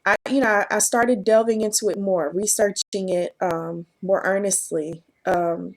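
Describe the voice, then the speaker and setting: A woman telling her personal story to camera in an earnest, halting way, often laughing at herself. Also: mid-range voice, steady tone, darkish tone. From Southern United States. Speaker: vlogger.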